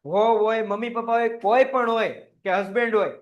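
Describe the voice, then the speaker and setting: A man with a notably high voice, giving a recorded classroom lecture. He keeps checking in with rhetorical questions and acts out little scenes to make his points. The audio is dull and lo-fi. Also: steady tone, a little fast. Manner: mixes English words into his talk. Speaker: teacher.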